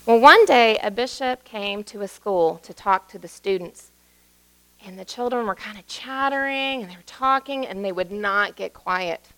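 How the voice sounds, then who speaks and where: A woman pastor giving a children's sermon in a gentle, playful way, sometimes dropping to a soft near-whisper. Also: medium pitch, normal speed. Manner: gentle, playful, talks down to kids' level.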